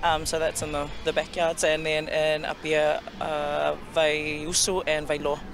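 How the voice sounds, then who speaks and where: A woman's voice: deep voice, little pitch movement, a little slow, vocal fry, noisy background. A young woman rugby player from Samoa, chatting cheerfully in an outdoor interview at a rugby field with a handheld mic. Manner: cheerful, laughs easily. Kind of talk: casual interview. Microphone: handheld reporter mic.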